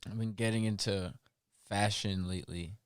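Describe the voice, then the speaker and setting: Easygoing low-voiced male guest. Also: fairly even intonation, moderate pace, smooth, dry recording, studio quality. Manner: easygoing, encouraging, slangy. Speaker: podcast guest. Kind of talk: casual chat.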